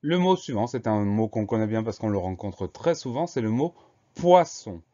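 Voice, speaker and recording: Low, mellow man spelling words slowly. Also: animated, lo-fi sound. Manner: slow, spells words letter by letter. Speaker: teacher. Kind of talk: spelling lesson.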